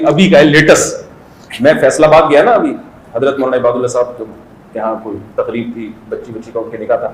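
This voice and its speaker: A man's voice: on the high side, roomy sound, poor audio. A man giving a conversational, humorous sermon as an Islamic scholar, telling stories and acting out voices. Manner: storytelling, jokes, brief acted voices in anecdotes.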